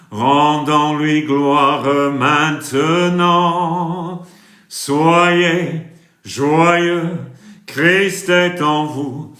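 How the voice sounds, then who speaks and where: Slow, bright-voiced preacher man exhorting. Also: a little high, roomy sound. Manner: exhorting, proclaiming short phrases. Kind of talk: sermon.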